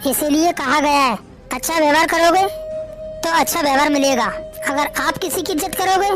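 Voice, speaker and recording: Woman as a firm young wife in a family drama, high-pitched, earnest and lecturing. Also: normal speed, music in the background, natural voice.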